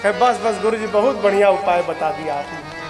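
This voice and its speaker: A man's voice: high voice, normal speed. A man preaching a religious story, acting out dialogue between figures and breaking into sung lines, recorded in a large hall on a stage microphone with live music. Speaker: katha preacher. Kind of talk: sermon storytelling. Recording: echoey hall with instrument backing.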